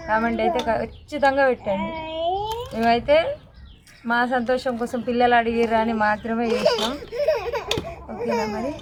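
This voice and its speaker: A woman with a Telangana accent, chatting casually in a vlog while cooking outdoors and teasing her children. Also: on the high side. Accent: Telangana Telugu. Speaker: vlogger and mother. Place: outdoors by a smoky wood fire in the sun.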